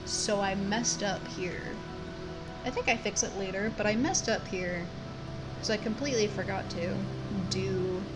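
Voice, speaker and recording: A woman's voice: mid-range voice, low-quality recording. A woman giving casual, self-deprecating commentary while she plays a video game, chatting to the characters. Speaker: gamer commentating a playthrough. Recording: game music behind voice. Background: video game music.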